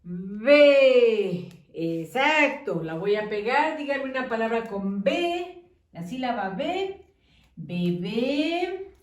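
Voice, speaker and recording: A high, lively woman's voice that stretches every syllable very slowly. She is teaching children phonics, repeating syllables in a sing-song way and praising often. She sounds a bit away from the mic in an echoey room. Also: recorded from a distance.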